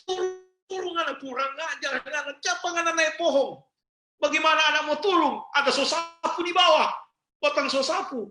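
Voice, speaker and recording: A man's voice: very high voice, normal speed, echoey room, soft background music, pitched above the performer's own voice. A man voicing an angry mother who scolds her child while holding a broom. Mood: angry scolding. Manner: yelling, scolding.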